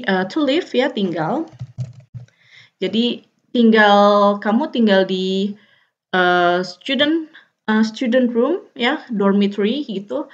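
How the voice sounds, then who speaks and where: Slow, hesitant Indonesian woman teaching. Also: mid-range voice. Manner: thinks aloud, many fillers. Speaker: language teacher. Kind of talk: casual language lesson. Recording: dull, muffled sound.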